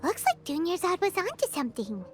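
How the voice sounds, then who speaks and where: A woman's voice: extremely high pitch, huge pitch swings, brisk, over music, exaggerated voice. A woman voicing a tiny, chirpy, childlike fairy companion in an anime game, with a blunt, exclamatory manner. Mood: curious. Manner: blunt, exclamatory, refers to herself by name.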